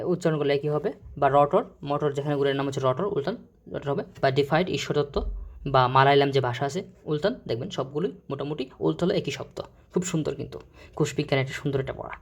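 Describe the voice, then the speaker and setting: A man teaching English vocabulary in a casual, explanatory way, often pausing on fillers and correcting himself. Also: a little high, gravelly. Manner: explains words slowly, with many fillers and self-corrections.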